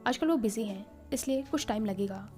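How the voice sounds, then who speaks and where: A calm, teasing elder brother from a read-aloud story, spoken in a fairly high voice by a woman. He talks in an easy, gently mocking way, with soft music playing faintly behind. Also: moderate pace, lightly acted. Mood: teasing, easygoing.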